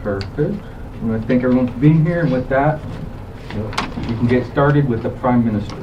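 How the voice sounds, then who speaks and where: Young guy chairing a debate, friendly and brisk, far from the mic, dull muffled sound with a noisy room behind. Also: medium pitch. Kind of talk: formal introductions at a student debate.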